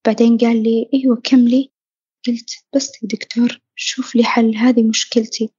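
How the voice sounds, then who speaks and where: A woman earnestly telling her own story, reflective and at times dropping to a soft near-whisper. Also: fairly high pitch, completely flat delivery, a little fast, husky, no echo, highs cut off. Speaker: podcast guest sharing her story. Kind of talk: personal storytelling.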